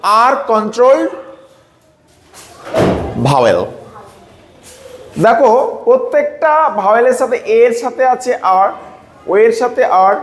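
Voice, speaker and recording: A man with a very high voice and a Bengali accent teaches English phonics to students. He speaks slowly, drilling each sound through repetition and asking questions to check that his class follows. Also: slight background noise. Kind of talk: slow classroom phonics lesson.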